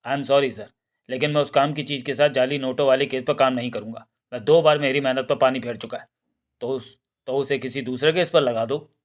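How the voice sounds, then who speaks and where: A man's voice: mid-range voice, fairly even intonation, brisk, lightly acted. A man plays a stern police inspector, worn out and short-tempered. He speaks curtly, with plain exasperation, in a comic storybook reading. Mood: exasperated. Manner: curt, exasperated.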